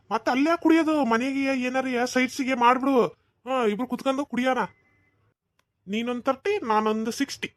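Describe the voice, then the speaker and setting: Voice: mid-range voice, no room sound, studio quality, lightly acted. A performer voicing an older, jovial, teasing village headman in a cartoon, with a North Karnataka Kannada accent. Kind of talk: cartoon voice acting.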